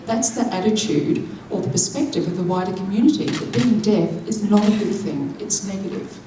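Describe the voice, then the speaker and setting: In a large, echoey conference hall, a woman with a mid-range voice voices a deaf presenter's keynote in first-person English. She's measured and engages listeners with questions, heard from afar over a noisy background.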